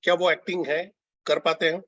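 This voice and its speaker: Man, trainer lecture, higher voice, dry close sound, asks the audience questions. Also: flat delivery, fairly quick, sharp tone, no room sound, dull audio. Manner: conversational, mixing Hindi and English, asks the audience questions. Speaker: business consultant and telecalling trainer.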